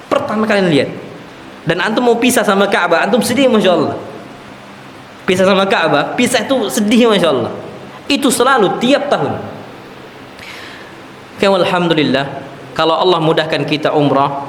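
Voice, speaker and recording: A man preaching a sermon in a mosque, telling stories and asking his audience questions he answers himself. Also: high voice. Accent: Indonesian, South Sumatran. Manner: lively storytelling, asks and answers his own questions. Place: large mosque hall. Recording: echoey hall, faint room hum.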